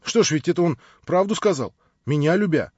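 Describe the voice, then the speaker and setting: Naive young man, read by a male narrator; plaintive, rambling, a bit lower and softer than the narration. Dry, dull-ish audio. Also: expressive, brisk, breathy edge, dry recording.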